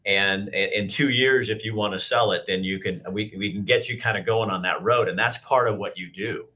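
A man in his fifties hosts a casual interview over a video call from an indoor office with a brick wall, heard through a webcam mic. His voice is on the low side, brisk, pushed and bright, and he talks in loose, rambling sentences with frequent restarts.

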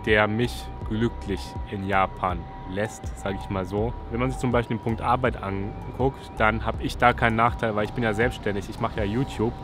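A young man from Germany talking casually to a handheld camera outdoors in a relaxed, chatty way. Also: medium pitch. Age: young adult. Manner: relaxed, chatty, thinking aloud. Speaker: YouTuber. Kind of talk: casual vlog talk to camera. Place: outdoors by a city riverside railing. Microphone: selfie camera at arm's length.

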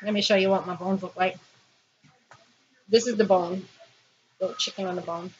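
A woman in her thirties talks viewers through her cooking, step by step, in a relaxed, chatty vlog from her indoor home kitchen, hands occupied throughout. She speaks at a moderate pace in a steady, mid-range voice. Recorded on a built-in camera or phone mic within arm's reach, the audio is dull and lo-fi, with loud noise and clicking.

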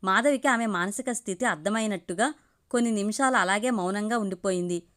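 A woman storyteller reading a family story aloud in an even, measured way. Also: medium pitch.

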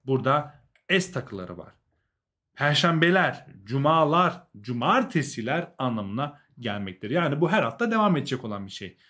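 A man's voice: mid-range voice, big pitch swings, normal speed, sharp tone. A young adult man with a Turkish accent teaching a live language lesson, explaining, translating and repeating key words for learners.

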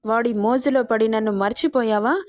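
A woman's voice: on the high side, fairly even intonation, moderate pace, darkish tone, no echo, clean studio sound, close to an everyday voice. A woman voicing a cruel, jealous man hurling accusations over the phone, in her own reading voice. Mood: accusing. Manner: accusing, vicious.

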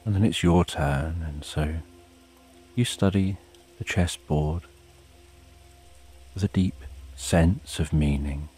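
Soft husky guy doing sleep story narration, really mellow and calm, rain behind him. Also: low voice, faint music behind. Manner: calm, unhurried, with long pauses. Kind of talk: slow, soothing bedtime story narration.

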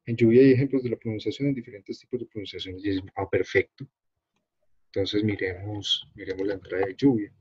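Colombian man teaching, dark and husky. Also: on the low side, steady tone. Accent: Colombian Spanish. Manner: unhurried, halting, many fillers and restarts. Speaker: online workshop presenter. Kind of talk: explaining a screen-shared web page. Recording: dull, dry video-call audio.

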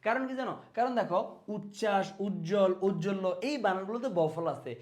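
Fast, high-voiced tutor. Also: male voice. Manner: lively, addresses students as friends, repeats words for drilling. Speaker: exam prep tutor. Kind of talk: spelling lesson for exam students.

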